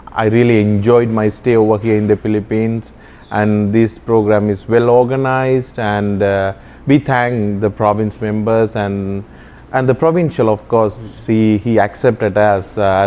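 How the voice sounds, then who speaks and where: A man from Sri Lanka, a Jesuit priest earnestly telling the story of his vocation with frequent pauses and fillers. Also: on the low side, a little mellow. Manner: earnest, often slowing and hesitating with fillers. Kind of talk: reflective personal storytelling.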